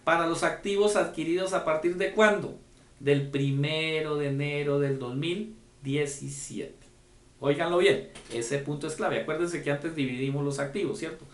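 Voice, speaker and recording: A man's voice: fairly high pitch, normal speed, reverberant. A man giving a conference lecture on tax rules, explaining step by step and often checking in with the audience. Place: conference room.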